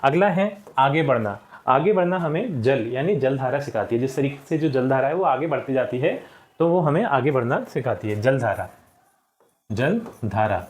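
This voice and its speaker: A man's voice: medium pitch, expressive. Patient male teacher explaining lessons. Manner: patient, repeats words slowly for pupils; addresses children often, checks with "ठीक". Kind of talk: school lesson, explaining textbook answers.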